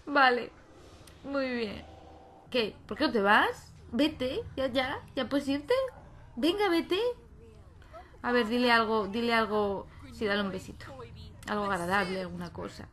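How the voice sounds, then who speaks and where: A woman's voice: a little high, unhurried, pauses often, fairly bright tone. Chatty woman commenting a game. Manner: chatty, exclaiming and scolding the game. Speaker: gaming YouTuber.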